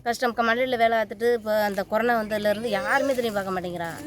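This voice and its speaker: A woman's voice: a little high, very fast. A woman villager speaking earnestly about hardship outdoors.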